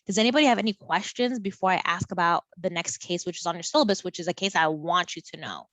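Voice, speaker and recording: A woman's voice: on the low side, fast, no room sound. Chatty woman professor, dry sound. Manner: lively, chatty, repeats words. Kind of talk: college lecture over video call. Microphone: video call.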